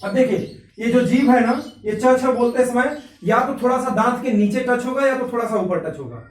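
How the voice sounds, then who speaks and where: Man, very high voice, classroom teacher drilling letter sounds, echoey room, distant mic. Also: normal speed. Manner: repeats sounds aloud and quizzes students. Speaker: Sanskrit grammar teacher. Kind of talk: classroom lesson.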